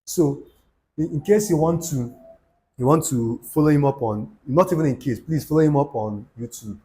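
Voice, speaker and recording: With a fairly high, mellow voice at normal speed, a young Nigerian YouTube host speaks to camera motivationally in an Igbo accent, preaching and repeating himself and slipping in Pidgin asides. A little hiss or hum is audible.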